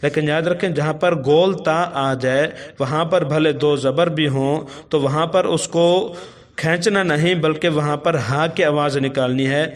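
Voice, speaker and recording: A man with a Pakistani accent teaching Quran reading, spelling out syllables slowly in a chanting tone. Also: fairly high pitch, steady tone.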